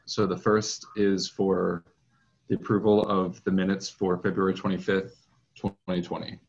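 A man serving as school board president, chairing a formal meeting over a video call in a procedural, measured way with frequent fillers. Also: low voice, flat delivery, husky. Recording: muffled video call audio.

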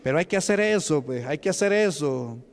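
A man's voice: fairly high pitch, lively intonation, brisk, noisy background. Peruvian man preaching in a reverberant hall. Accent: Peruvian Spanish. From Peru. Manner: conversational, asks the congregation questions. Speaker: pastor. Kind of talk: testimony sermon. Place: church hall.

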